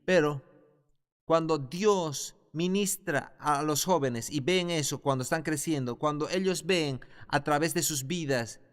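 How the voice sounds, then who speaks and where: A man teaches a Bible class in sermon style, emphatically repeating his key phrases and rising in voice when stressing points. His voice is fairly high-pitched and clean, at a measured pace, and the church or classroom hall adds echoey reverb.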